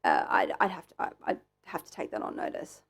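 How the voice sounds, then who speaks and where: A woman's voice: rumbling low, huge pitch swings, a little fast, creaky, breathy edge. An Australian woman giving careful testimony as a witness, hesitant and repeating her words. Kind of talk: formal testimony.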